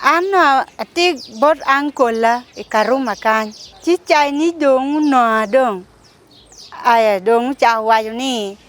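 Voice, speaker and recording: High, slow-speaking local woman. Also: a bit bright, a little hiss or hum. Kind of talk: documentary interview.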